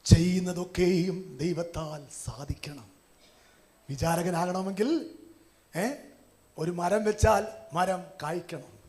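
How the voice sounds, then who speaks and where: A male pastor, preaching a sermon with call-and-response, his voice rising at times to shouts. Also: high voice, steady tone, slow, long pauses.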